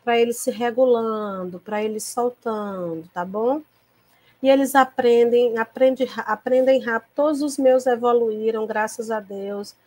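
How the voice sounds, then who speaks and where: Calm, higher-pitched woman teacher. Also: measured pace, no echo. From Piauí, Brazil. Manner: calm, patient explaining with frequent checking tags. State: tickly throat, needing to cough. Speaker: teacher giving a lecture. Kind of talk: recorded online lecture to teachers.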